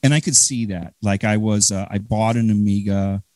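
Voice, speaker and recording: A man from the Chicago area with a Chicago accent, chatting as a guest in a rambling, halting way full of fillers. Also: on the low side, steady tone, darkish tone, no echo. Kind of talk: casual interview chat.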